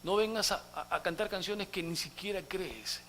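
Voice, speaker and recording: Male pastor preaching in church, goes loud then hushed, acts out quotes, high pitched, little hiss and hum. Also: moderate pace. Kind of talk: sermon.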